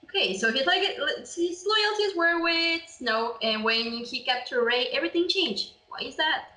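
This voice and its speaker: A woman's voice: high voice, animated, unhurried, pushed and bright. A woman co-hosting a casual fan podcast and reading quotes aloud, chatty and full of "uh" fillers. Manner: chatty, with light laughs and "uh" fillers. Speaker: podcast co-host. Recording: echoey room, distant from the mic.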